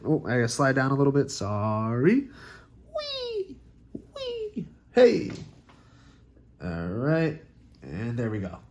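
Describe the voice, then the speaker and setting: A man's voice: mid-range voice, slight background noise. A young man casually walking through a trading card deck, with loose, rambling talk, restarts and frequent swearing. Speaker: card game content creator. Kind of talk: casual deck tech breakdown.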